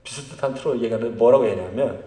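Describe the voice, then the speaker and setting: A middle-aged man preaching a sermon as pastor of a church, swinging between loud emphatic lines and very quiet ones. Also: medium pitch, fast. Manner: lively, animated delivery. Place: church sanctuary. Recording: roomy church sound.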